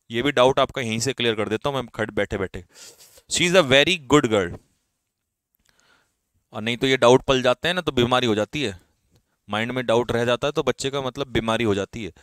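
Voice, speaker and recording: A young man teaching English delivers a grammar lecture in a classroom, his mid-range voice fairly bright and clean in a dry recording. Hindi is his language of explanation, he answers his own questions, and he reads English examples slowly, stressing each one.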